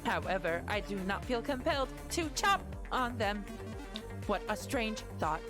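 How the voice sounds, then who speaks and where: A woman's voice: mid-range voice, very animated, unhurried, music in the background. A woman putting on a stiff robot voice. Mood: deadpan. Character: stiff, formal robot character. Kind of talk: streamer voicing game characters.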